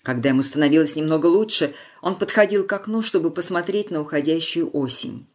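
A narrator reading a wartime village tale in a measured storytelling manner, slowing on solemn lines. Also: mid-range voice, darkish tone. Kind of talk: scripted narration.

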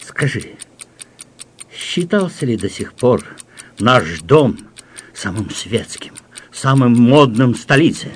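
A man's voice: mid-range voice, animated, slow, long pauses, husky. A man voicing a gloomy, sardonic count in a comic audiobook, growling his lines. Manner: sardonic, growling, then coarse. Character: gloomy, gruff aging count, forty years titled.

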